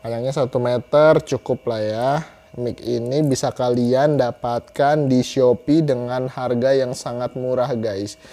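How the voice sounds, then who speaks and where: Young adult male, chatty YouTuber reviewer, mid-pitched, repeats phrases for emphasis, clip-on mic. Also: steady tone, a little slow, warm tone. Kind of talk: casual product review to camera. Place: small room indoors. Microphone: clip-on lapel mic.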